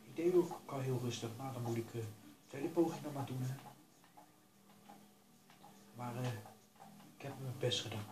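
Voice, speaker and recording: A man giving casual commentary over his own racing game, talking to himself and urging himself to stay calm. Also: mid-range voice, normal speed, pauses often, echoey room, noisy background. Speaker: gaming YouTuber.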